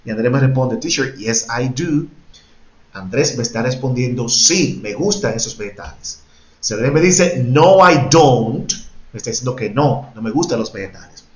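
A man's voice: mid-range voice, animated, moderate pace, echoey room, muffled recording. Patient bilingual man teaching English online. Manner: patient, explains step by step, switches between Spanish and English.

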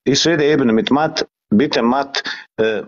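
A man's voice: medium pitch, slow pace, muffled recording. A man in a heated online debate, insistently demanding proof and calling his opponent a liar.

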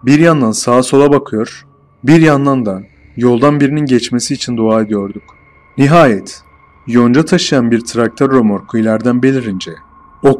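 The storyteller is a man with a mid-range voice, steadily relating a first-person horror account in a controlled manner.

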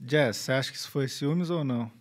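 A man's voice: mid-range voice, fast, no room sound. A man co-hosting a casual podcast, teasing and provoking his partner. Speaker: podcast co-host.

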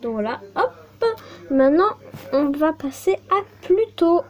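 With a high, slightly mellow voice that swings widely in pitch, a young woman vlogger talks unhurriedly as she unboxes toys indoors at her home desk. Her casual chat is hesitant, laden with fillers and apologies.

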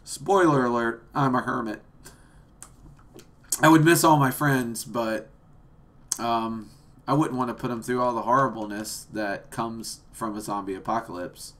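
A man's voice: medium pitch, fairly even intonation, unhurried, pauses often, fairly bright tone. A man in his thirties chatting casually and playfully as he streams a game, rambling along in a small room. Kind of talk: casual livestream chat while playing a game. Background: video game music.

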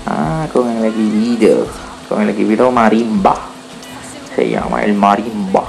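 Excitable man narrating gameplay. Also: fairly low pitch, unhurried, vocal fry, faint music behind, low-quality recording. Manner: excitable, groaning and cursing at the game, code-switching into English. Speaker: gaming YouTuber. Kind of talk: gameplay commentary.

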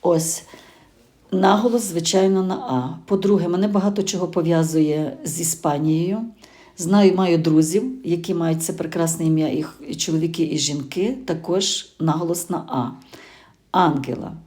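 A middle-aged Ukrainian woman hosting a gardening channel chats casually in a lowish, warm voice at normal speed with fairly even intonation. She hesitates and corrects herself as she gives a spoken garden review.

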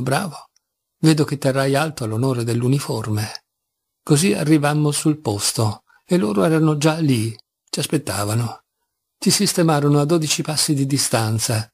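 Male audiobook reader, gravelly texture, mid-pitched, measured and expressive delivery. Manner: measured, expressive reading with dramatic pauses. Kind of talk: literary audiobook narration.

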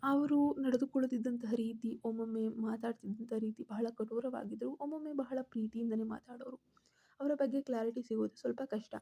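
A woman's voice: fairly high pitch, steady tone, a little fast, creaky, warm tone, breathy edge. A woman narrating a first-person story and voicing the characters' lines herself.

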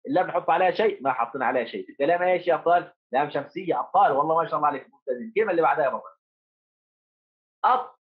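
A man's voice: on the high side, very fast, hardly any pauses, narrow, tinny audio. A male primary school teacher giving a remote lesson to children, repeating key points and asking and answering his own questions. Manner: addresses pupils as heroes, coaxing.

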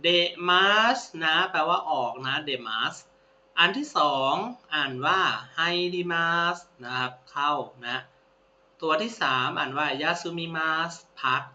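A man's voice: fairly high pitch, a little slow, bright, forceful tone. A man teaching a language lesson, patiently repeating each word and praising his students. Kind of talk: classroom-style lesson. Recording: roomy, dull lo-fi sound with faint hum.

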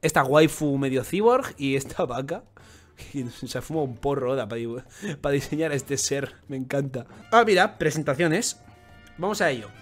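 A young man with a Spanish accent from Spain, giving casual, excitable, slangy reaction commentary as the channel host. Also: medium pitch, normal speed. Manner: excitable, slangy, often restarts words. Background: faint music.

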